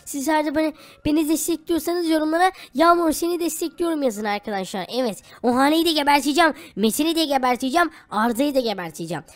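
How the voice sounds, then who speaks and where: A woman's voice: high voice, fast talker, close to an everyday voice. A woman voicing a jealous young ex-girlfriend in a Minecraft role-play, threatening and boasting to the viewers.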